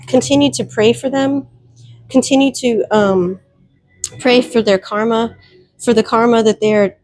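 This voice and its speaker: A tarot reader with a slightly high, somewhat mellow voice gives a solo reading, recorded with no echo. She speaks emphatically, repeats her warnings, and addresses viewers directly.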